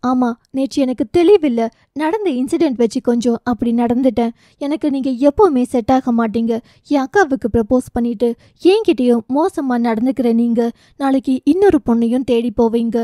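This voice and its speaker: A proud, wounded young heroine of an audiobook romance, as the woman narrating puts her on, her lines clipped and bitter. The voice sits high and mellow, recorded dry and close. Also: normal speed, no echo, close to an everyday voice.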